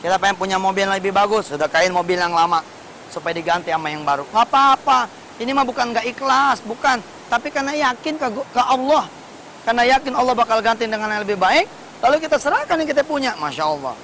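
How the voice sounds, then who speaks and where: A man preaching a sermon, telling stories in a lively, colloquial way and putting rhetorical questions to the congregation. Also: high-pitched, fast talker, a little hiss or hum, low-quality recording. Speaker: Islamic preacher.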